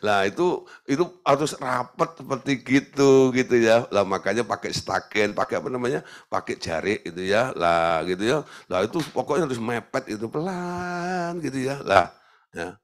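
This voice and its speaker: Animated preaching man. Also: medium pitch, normal speed. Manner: animated preaching with jokes and playful mimicry. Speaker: pastor. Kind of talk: sermon.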